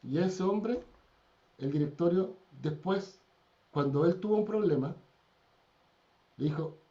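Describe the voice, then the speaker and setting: A man's voice: high voice, measured pace, mellow. A man teaching a church class, telling stories and acting out the people in them. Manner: storytelling, acts out quoted people with raised voice. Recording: dull lo-fi recording.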